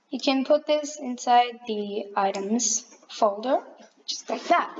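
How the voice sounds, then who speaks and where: Slow-talking young-sounding woman tutorial voice. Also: high voice, muffled recording, slight background noise. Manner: relaxed, self-correcting, chatty asides. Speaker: tutorial maker. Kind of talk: casual screen-recorded tutorial.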